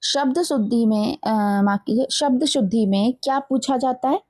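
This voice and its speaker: A woman teacher giving an exam-prep grammar lesson, reading words out slowly and carefully and repeating each one. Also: fairly high pitch, a little mellow, dry recording. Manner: slow, careful word-by-word dictation, repeating each word.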